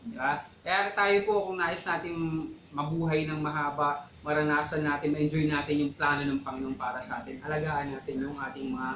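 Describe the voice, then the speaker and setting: A man's voice: on the high side, little pitch movement, a little fast, a bit bright, echoey room, highs cut off, a little hiss or hum. A man co-hosting a church talk show, speaking conversationally and exhorting listeners as brothers and sisters. He keeps checking in with "di ba". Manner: conversational, repeats "di ba" often, exhorts "mga kapatid". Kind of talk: casual faith talk, preachy asides.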